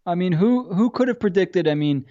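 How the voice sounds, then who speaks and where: A man's voice: sits high, expressive, normal speed, dark tone, muffled recording. A man co-hosting a podcast, venting in casual sports chat with exasperated rhetorical questions and heavy swearing. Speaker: podcast co-host.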